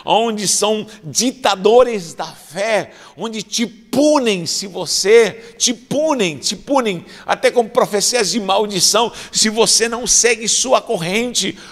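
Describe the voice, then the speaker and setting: High-voiced, gravelly man preaching in a hall. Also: slow pace, few pauses, a bit bright. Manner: fervent preaching with frequent praise exclamations. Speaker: pastor. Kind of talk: sermon. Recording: long reverb of a large hall.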